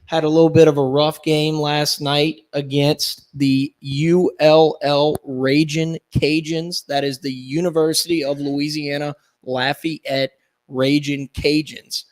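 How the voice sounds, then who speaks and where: A man hosting a casual sports podcast, upbeat and talking in quick bursts. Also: mid-range voice. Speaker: podcast host.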